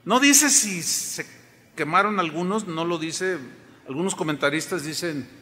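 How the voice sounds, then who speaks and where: High, bright-voiced pastor preaching. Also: male voice, unhurried. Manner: emphatic, often asks the congregation questions. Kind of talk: sermon. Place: church sanctuary. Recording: long reverb of a large hall.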